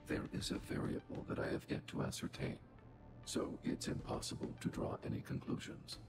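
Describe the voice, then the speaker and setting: An actor playing an old, outdated robot in a video game, calm and coldly logical, speaking formally through a robotic filter. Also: male voice, a little fast. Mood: solemn, analytical. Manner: formal, literal, calculating speech. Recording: loud game music behind. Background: game music.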